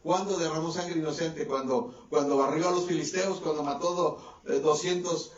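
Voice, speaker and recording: Distant echoey pastor preaching. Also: male voice, steady tone, moderate pace. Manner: preaching with swings between raised and lowered voice. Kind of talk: sermon. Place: church hall. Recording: distant echoey church mic, dull sound.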